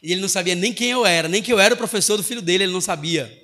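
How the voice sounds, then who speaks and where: High-voiced Brazilian preacher telling stories. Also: male voice, racing. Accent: Brazilian Portuguese. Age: former schoolteacher, adult. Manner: animated storyteller, acts out dialogue, rising to loud emphasis. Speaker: missionary preacher. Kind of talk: sermon storytelling. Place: church congregation.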